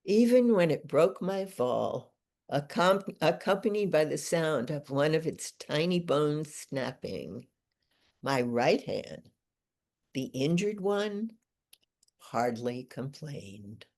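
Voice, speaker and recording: A woman, the featured poet, reading her own poetry aloud in a measured, deliberate way. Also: low-pitched, very animated, darkish tone. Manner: slow, deliberate, measured delivery.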